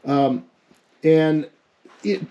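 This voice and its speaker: This man, a ham radio tinkerer presenting his homemade rig, explains things hands-on and casually, thinking out loud and poking fun at himself. His pitch is fairly high, his tone mellow, and he draws his words out.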